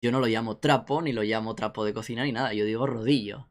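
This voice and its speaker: A man's voice: lowish voice, fairly even intonation, quick pace. A young man from Spain with an Asturian accent, chatting casually on a live stream and reading chat messages aloud with a joking tone. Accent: Asturian Spanish.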